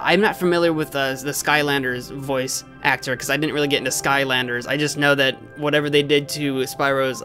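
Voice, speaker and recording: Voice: medium pitch, fairly bright tone. A game livestream host chatting casually with viewers, playful and rambling, often repeating phrases.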